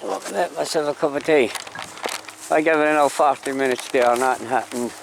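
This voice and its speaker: A man's voice: a little high, fairly even intonation, brisk. A man with an Irish accent chatting casually and folksily to viewers in a rambling outdoor fishing vlog. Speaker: fishing vlogger. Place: outdoors along a river. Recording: outdoor ambient noise, riverside. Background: clear outdoor ambience.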